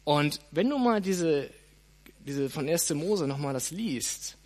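A man preaching a sermon, speaking straight to his listeners with frequent "hey" and "ne?", with a lively, varied delivery. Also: fairly high pitch, slow pace.

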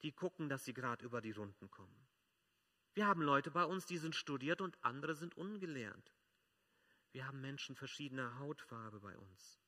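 A man preaching a sermon as pastor, emphatic, swelling loud and dropping soft. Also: medium pitch, lively intonation, moderate pace.

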